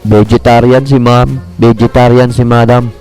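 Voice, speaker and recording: A young man with a Filipino accent commentates a game in a casual, excitable way, often calling out to his viewers. His voice sits at a middle pitch with a warm, mellow colour. Faint music plays behind him. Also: normal speed. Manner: excitable, talks to viewers as "mga pre". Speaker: gaming streamer.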